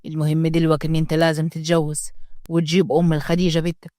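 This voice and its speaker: A woman's voice: sits low, level tone, quick pace, warm tone, no echo, clean studio sound, natural voice. A woman voicing an elderly, respected father, coaxing and insistent in a story reading. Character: elderly Upper Egyptian father, a respected hajj, calm and insistent. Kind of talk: storytelling read-aloud.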